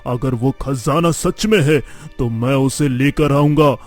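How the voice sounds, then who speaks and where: A young man voices a determined, boastful eldest son from a village in a dramatic Hindi cartoon story, delivering his lines earnestly and declamatorily. His mid-range voice is close to an everyday one, he takes it slowly, and faint music plays behind him. The mood is determined and reassuring.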